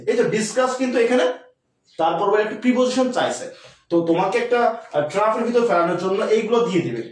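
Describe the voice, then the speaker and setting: A man tutoring live for an admission exam, talking quickly and informally to his students. His voice sits high, and he sounds a little away from the microphone in a room with a roomy echo. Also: recorded from a distance. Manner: addresses students informally, mixes English terms into Bengali. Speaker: admission test English tutor. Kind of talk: live online class, explaining exam questions. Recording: roomy echo, voice a bit off-mic.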